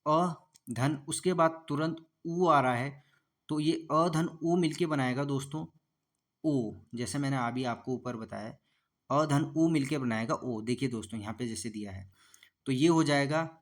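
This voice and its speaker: A man teaching a grammar lesson for exam prep, repeating himself often and sounding out letters one by one as he explains. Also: mid-range voice. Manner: repetitive, calls listeners "friends" constantly, sounds out letters slowly.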